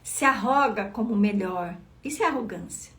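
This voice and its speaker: A woman's voice: mid-range voice, expressive, moderate pace, fairly bright tone. Earnest woman leading a devotional. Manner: earnest, asks listeners questions directly. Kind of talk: devotional teaching reading from a book.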